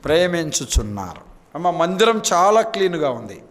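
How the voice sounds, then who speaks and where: A man preaching a sermon, moving from quiet storytelling to stretched-out shouted emphasis and quizzing the congregation for answers. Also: a little high, big pitch swings, normal speed. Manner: asks the congregation questions and calls on them to answer.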